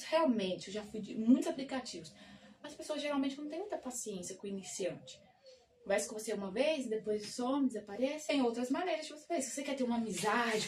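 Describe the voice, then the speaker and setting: A woman from Brazil, giving language-learning tips in a lively, playful way, often asking questions and answering them herself. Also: a little high. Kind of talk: casual tips talk to camera. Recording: voice a bit far from the mic, faint noise.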